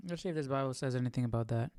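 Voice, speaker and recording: A man hosting a Bible study livestream talks casually in a mid-range voice with a darkish tone, racing along. He questions and muses aloud to himself as he goes.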